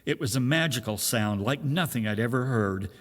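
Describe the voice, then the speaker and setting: A man reading a children's Christmas story aloud with measured, deliberate phrasing. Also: medium pitch, lively intonation. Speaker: storybook reader. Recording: long hall reverb.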